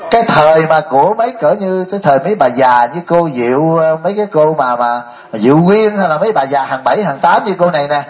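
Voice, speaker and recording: A man's voice: fairly high pitch, animated, fast talker, few pauses, low-quality recording. An older man giving a Buddhist dharma talk, telling stories and often asking the audience rhetorical questions. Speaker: Buddhist monk.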